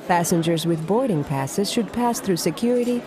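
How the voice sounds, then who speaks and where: A woman making formal airport gate announcements in a clear, measured way. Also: on the low side, expressive, crowd noise. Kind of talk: scripted announcement for a listening exercise.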